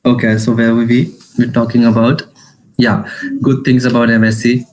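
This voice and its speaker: This is a young man with an Indian accent, talking to students in an informal online session. His voice sits at an ordinary, mid-range pitch. He rushes along, mixes Hindi into his English and often breaks off to rephrase. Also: level tone, slight background noise, rough recording. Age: 20s. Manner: fast talker, mixes Hindi into English, frequent restarts. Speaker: alumnus giving a career talk.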